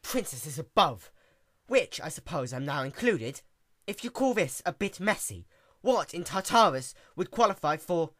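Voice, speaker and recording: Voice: unhurried, dry recording. A storyteller voicing a furious, exasperated young female pony princess who scolds with heavy emphasis in a cartoon fan story. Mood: controlled anger. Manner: emphatic, swinging from icy calm to booming shouts.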